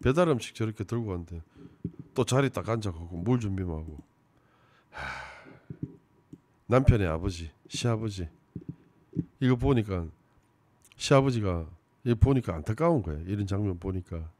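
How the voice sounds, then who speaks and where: A man giving casual commentary on a TV show, swinging between loud emphasis and low muttering. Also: expressive, moderate pace, long pauses, no echo.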